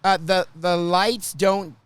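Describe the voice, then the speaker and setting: A high-pitched male voice, a little rough from a hangover. He hosts in a loose, chatty way, spinning animated stories full of playful vanity and acted-out quotes. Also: slow, no echo. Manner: animated, self-mocking vanity, acts out quoted remarks. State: hungover, sounding rough. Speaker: talk show host. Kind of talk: casual chatty storytelling.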